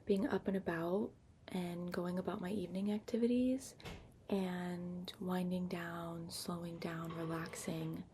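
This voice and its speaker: Whispering woman, creaky, lo-fi ASMR ramble. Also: on the low side, steady tone. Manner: hushed, unhurried whispering with occasional soft voice. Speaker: ASMR vlogger. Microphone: built-in laptop microphone, up close. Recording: lo-fi laptop microphone, clear background noise. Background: tapping and keyboard-like scratching sounds.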